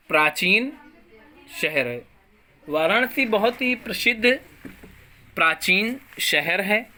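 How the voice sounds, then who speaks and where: Slow bright-voiced teacher going word by word thru a text, reads verses out. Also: mid-range voice. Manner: explains text word by word, mixes in English words; recites verse lines aloud. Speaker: school teacher. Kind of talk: classroom lesson.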